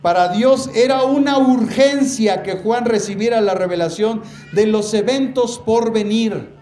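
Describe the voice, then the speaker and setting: A man preaching a sermon as pastor, emphatic, often calling out to his brothers and slowing down to stress key words. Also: high-pitched, a little mellow. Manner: preaching, repeatedly addressing the congregation as brothers. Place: church. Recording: echoey church room with faint noise.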